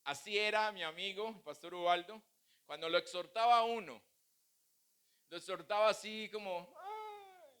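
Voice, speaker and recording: A man's voice: sits high, moderate pace, fairly bright tone, smooth. A male pastor preaching a sermon, mixing humorous family stories with teaching. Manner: humorous, anecdotal preaching with acted quotes.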